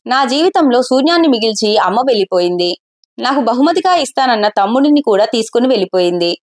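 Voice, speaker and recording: A woman voicing a young married man as he quietly confesses a painful memory in a read-aloud story. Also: on the high side, animated, fast talker, close to an everyday voice. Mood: sorrowful.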